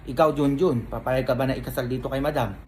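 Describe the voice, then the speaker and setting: Woman putting on a deep-voiced sly bodyguard. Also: fairly even intonation, fast talker, a little mellow, slight background noise. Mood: scheming. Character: deep-voiced grown man, smooth bodyguard groom.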